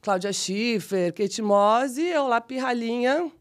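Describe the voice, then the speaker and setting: A chatty, animated woman in her forties from São Paulo tells her life story as a podcast guest, poking fun at herself along the way. She's a model and actress with a São Paulo Brazilian Portuguese accent, and her voice sits a little high and unhurried in this casual interview.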